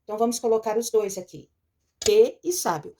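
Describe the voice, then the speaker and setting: A woman's voice: fairly high pitch, fairly quick, dark tone. A woman teacher giving a recorded lesson from a textbook, explaining patiently and checking in with her pupils. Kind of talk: recorded remote lesson walking through a textbook.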